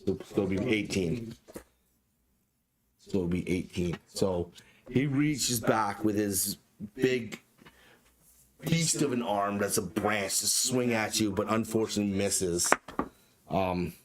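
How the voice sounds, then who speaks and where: A man's voice: on the low side, slow pace, long pauses, a crowd in the background. A man running a tabletop game as dungeon master, narrating in a casual, stop-start way with frequent swearing.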